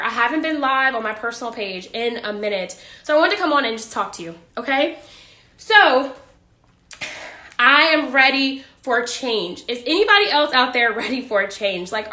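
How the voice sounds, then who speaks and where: A woman's voice: fairly high pitch, bright, forceful tone, echoey room. A woman physician chatting casually to viewers on a livestream from her home office, upbeat and a little out of breath. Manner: chatty, upbeat, greets viewers, laughs often. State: warm and a bit out of breath. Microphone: phone or webcam livestream.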